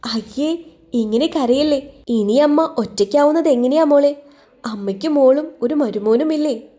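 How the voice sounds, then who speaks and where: A woman's voice: high-pitched, moderate pace, warm tone, voice pushed up, lightly acted. Give me a woman playing a soothing, affectionate mother. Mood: tender. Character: loving middle-aged mother, tender and soothing.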